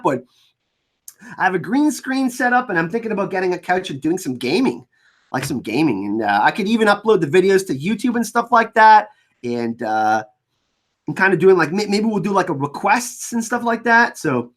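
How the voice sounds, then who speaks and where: A livestream host with a French Canadian accent and a very animated, up-and-down pitch. The delivery is casual and informal, halting and doubling back on words while answering chat comments.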